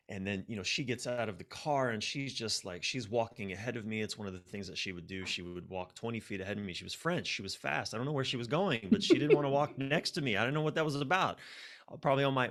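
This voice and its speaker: Speaking in a mid-range voice with a touch of brightness, a man from the United States guests on a podcast. The relationship coach recounts his own experiences openly and self-deprecatingly, dramatizing his inner monologue as the interview flows.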